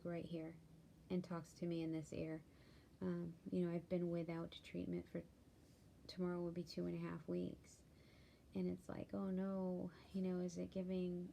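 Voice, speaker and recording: Tired woman, low gravelly voice, flat delivery, soft and hesitant, slips into whispers, candid vlog update, faint hiss behind. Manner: tired and worried, soft-spoken, many ums, drifts into whispers. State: sleepy, yawning. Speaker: vlogger sharing a health update.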